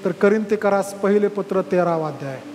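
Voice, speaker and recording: High-voiced man preaching in a reverberant hall. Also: moderate pace, soft background music. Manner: fervent preaching that climbs to loud calls. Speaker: pastor. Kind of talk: sermon. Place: church hall.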